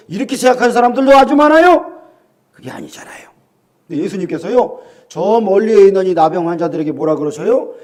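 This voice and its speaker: High-voiced pastor, lively animated sermon. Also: male voice. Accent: Gyeongsang Korean. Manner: animated storytelling, shouting acted quotes; asks the congregation questions.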